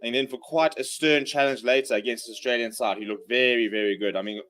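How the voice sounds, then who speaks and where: A hungover man hosts a live rugby watchalong stream, chatting casually and giving live sports commentary. He talks fast with a medium-pitched, steady, slightly bright voice.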